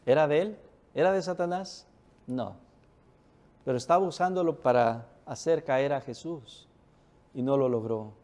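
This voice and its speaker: A man's voice: medium pitch, unhurried, long pauses, warm tone. A man preaching a sermon, reading scripture aloud, asking questions and answering them himself, calling his listeners brothers. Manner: calls listeners "hermanos". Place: church.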